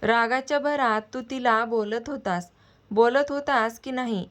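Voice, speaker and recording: A woman voicing a gentle, wise middle-aged aunt who soothes and gently scolds her nephew. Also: fairly high pitch, a little slow. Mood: scolding.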